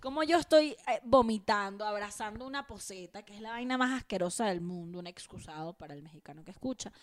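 A woman's voice: mid-range voice, quick pace. Woman telling a crude story. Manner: animated, crude and self-mocking. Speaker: podcast co-host. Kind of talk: casual storytelling chat. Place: home.

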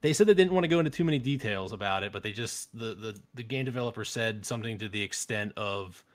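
Blunt man in his thirties, lowish voice. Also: fast talker. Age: 30s. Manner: blunt, opinionated, rambling with restarts. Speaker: podcast host. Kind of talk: casual gaming chat.

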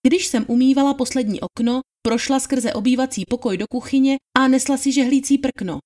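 Speaking in a high, darkish voice that stays close to her everyday one, a woman reads the testimony of a deferential young housemaid. The dramatized trial answers are plain and polite.

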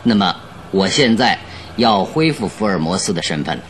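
An actor in a Chinese radio drama plays a confident male detective, courteous and masterful as he lays out his deductions in a confident, expository mood. His low, very animated voice moves at normal speed with a fairly bright tone, over background music and slight background noise.

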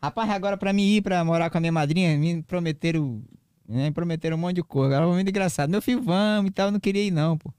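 Fast-talking man. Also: on the high side, clear, resonant tone, dry recording, studio quality. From Acre, Brazil. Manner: animated, frequent fillers like "cara" and "né". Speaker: podcast guest. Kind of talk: casual storytelling.

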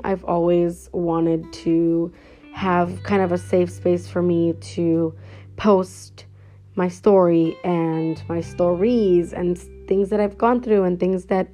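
Her pitch is fairly low and her tone dark as this woman in her twenties introduces her own podcast alone. She's chatty and upbeat, wandering along with fillers, over a slightly dull lo-fi recording carrying faint guitar music.

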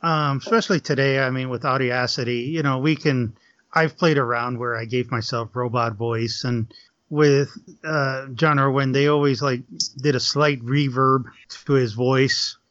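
A man's voice: mid-range voice, fairly even intonation, moderate pace, a bit bright, dry recording. A man chatting casually on a podcast, laughing often and full of fillers. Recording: dull lo-fi dry sound.

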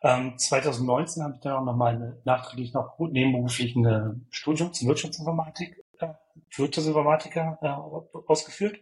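A man's voice: medium pitch, fairly even intonation, brisk, darkish tone, poor audio. A man from Berlin, a guest on a podcast, answering questions hesitantly with many fillers and restarts. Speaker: podcast guest, software developer. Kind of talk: interview answers.

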